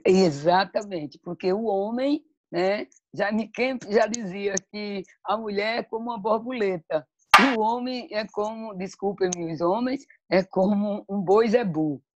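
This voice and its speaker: A woman's voice: medium pitch, unhurried, darkish tone, lo-fi sound. A woman speaking at a church talk on motherhood, telling stories and reading scripture in a reflective way. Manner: reflective, storytelling, quotes scripture.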